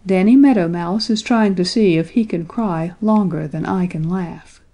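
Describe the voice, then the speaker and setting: A woman's voice: lowish voice, moderate pace, dark tone. A woman voicing a jolly old male toad in a storybook reading, laughing big hearty laughs. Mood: amused.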